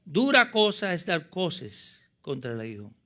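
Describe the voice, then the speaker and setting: A man voicing the solemn divine voice of the Lord while reading scripture aloud in a sermon, proclaiming slowly and loudly. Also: very high-pitched, huge pitch swings, pitched above the performer's own voice, exaggerated voice. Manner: loud, drawn-out proclaiming.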